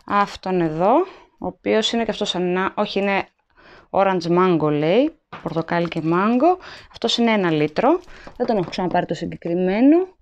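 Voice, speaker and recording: Animated and medium-pitched, a woman vlogger casually narrates her supermarket haul at a table at home, listing each item and its weight. She films the products up close with a handheld phone camera, and the sound is lo-fi.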